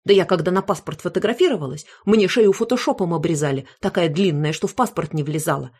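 A woman voicing a fussy, loud old grandmother in an audiobook, who is indignant and blames everyone else. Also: on the low side, fast talker, slightly rough. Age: older. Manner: indignant, bossy, blames others. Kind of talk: audiobook character voice.

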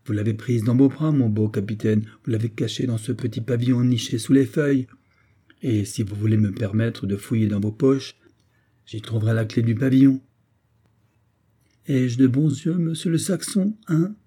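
A man's voice: medium pitch, normal speed, dark tone, slightly rough, close to an everyday voice. A man doing a mocking insolent grenadier. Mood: sarcastic. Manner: mocking, coolly ironic.

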